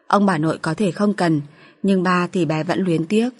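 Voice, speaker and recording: Husky woman narrating an audiobook. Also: fairly low pitch, steady tone, moderate pace.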